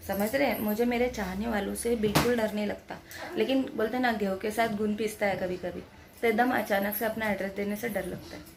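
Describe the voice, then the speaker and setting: A woman's voice: medium pitch, fairly even intonation, a little fast, creaky, background noise. A young woman vlogging from home, chatty and emphatic, repeating her points. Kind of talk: casual to-camera vlog talk.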